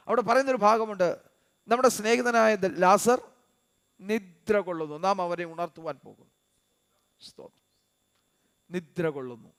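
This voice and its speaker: A man preaching a sermon with fervour, swinging between loud and quiet phrases and murmuring a praise word between them. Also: very high-pitched, gravelly. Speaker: pastor.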